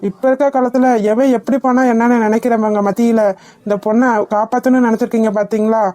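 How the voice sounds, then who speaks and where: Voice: mid-range voice, level tone, fast talker, mellow, no echo, natural voice. A voice actor playing a grateful, protective young man in a cartoon, speaking with earnest feeling. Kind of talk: cartoon voice acting.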